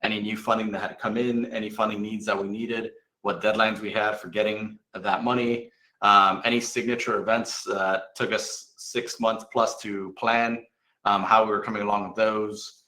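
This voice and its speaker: Low, bright-voiced male panel host. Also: normal speed, reverberant, low-quality recording. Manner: relaxed, conversational, some ums. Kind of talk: casual panel moderation.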